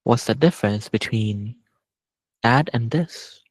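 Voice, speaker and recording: Gently and at an unhurried pace, a male meditation teacher guides listeners, letting long pauses settle in. His voice is mid-range and the recording is dry.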